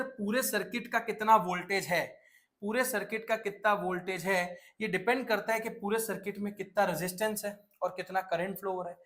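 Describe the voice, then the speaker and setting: High-voiced energetic male science teacher. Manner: energetic, mixes Hindi and English, asks and answers his own questions. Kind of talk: exam-prep science lecture.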